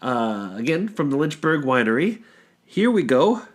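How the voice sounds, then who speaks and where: A man's voice: fairly high pitch, sing-song, a little slow. Rambling stuffed-up man podcasting. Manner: rambling, jokey, lots of fillers. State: congested from a cold. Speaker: podcast host. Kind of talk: casual chat.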